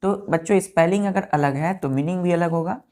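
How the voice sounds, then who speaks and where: A woman's voice: lowish voice, a little fast, mellow. A woman teaching a vocabulary lesson, addressing students as children and spelling words out letter by letter. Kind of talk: classroom lesson.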